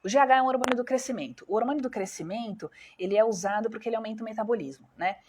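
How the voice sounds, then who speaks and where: A woman's voice: fairly high pitch, very fast, darkish tone, breathy edge. Brazilian woman explaining on a live stream. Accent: Brazilian Portuguese. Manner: explanatory, asks viewers questions and answers them herself. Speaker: skin doctor hosting a live stream.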